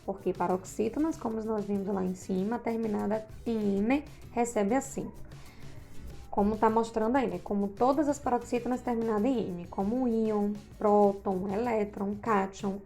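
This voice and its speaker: A Portuguese teacher with a slightly high, darkish voice walks through grammar rules on slides. She often checks in with her class using tag questions.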